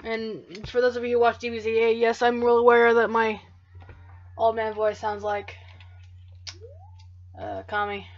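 A woman's voice: on the high side, level tone, a little slow, pauses often, highs cut off. A woman hosting a let's play, giving casual gameplay commentary in a jokey, profane, self-mocking way.

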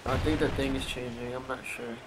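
A man's voice: mid-range voice, little pitch movement, a little fast, very noisy. A young man hosting his gaming channel, giving casual gameplay commentary with joking, muttered asides to himself.

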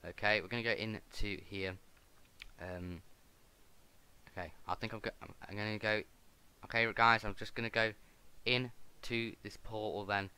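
A man's voice: lowish voice, steady tone, normal speed, bright, forceful tone, smooth. A man giving casual let's-play commentary as host, thinking aloud with hesitant restarts. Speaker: gaming video host.

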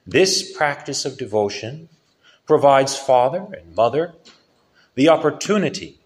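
A male priest giving a solemn sermon with a lively rise and fall in his preaching. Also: medium pitch, a little hiss or hum. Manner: slow, solemn preaching with lively rises and falls.

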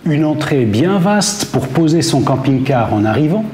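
A man in his fifties presenting a campsite in a steady, clearly scripted travel-vlog narration, seated at a table facing the camera. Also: a little high, normal speed. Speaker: travel vlogger. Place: indoor room with brick wall. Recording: roomy echo with soft music behind.

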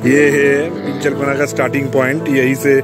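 A man's voice: mid-range voice, flat delivery, moderate pace. A young man records himself on a rocky outdoor trail with an action camera held out at arm's length. He talks casually to his viewers while he hikes. Faint music plays underneath. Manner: chatty, talking to camera while hiking. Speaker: travel vlogger. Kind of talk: casual travel vlog.

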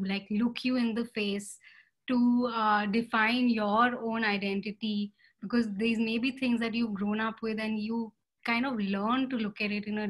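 A woman in her thirties talks over a laptop webcam from a room at home. She speaks in a halting, searching way, circling back and restarting her sentences as she thinks. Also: on the high side, bright, forceful tone. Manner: hesitant, many fillers and restarts. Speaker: panelist artist. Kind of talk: casual video call discussion. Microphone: laptop webcam video call.

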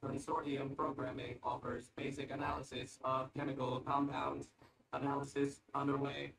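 A man voicing a calm, clinical care robot, gravelly and echoey. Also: mid-range voice, a crowd in the background, natural voice. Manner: measured, clinical, reassuring machine speech. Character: calm, blunt male medical care robot. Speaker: field hospital helper unit. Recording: echoey game audio with background noise.

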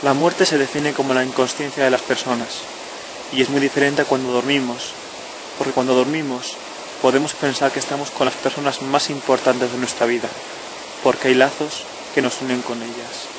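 A person speaking right in the listener's ear, guiding a relaxation in slow, short, measured phrases. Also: medium pitch, flat delivery. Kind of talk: slow guided relaxation narration, spoken to the listener. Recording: clear noise of rushing water. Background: running stream, natural outdoor ambience.

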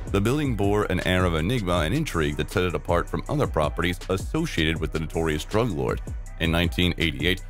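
A man reading a scripted documentary voice-over in a formal, dramatic manner, with occasional restarts. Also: low-pitched. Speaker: documentary narrator.

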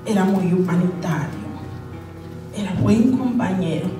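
An older Mexican woman with a Mexican accent, telling her story as a bereaved mother in a slow, halting, sorrowful way. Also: fairly low pitch, animated. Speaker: bereaved mother giving testimony. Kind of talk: personal testimony. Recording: echoey, distant mic with music underneath.

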